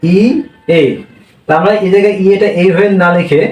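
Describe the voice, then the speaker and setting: A man's voice: high voice, fairly even intonation, normal speed, darkish tone, roomy sound, recorded from a distance, low-quality recording. A man teaching a language class, drilling sounds with repeated questions. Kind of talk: classroom lesson.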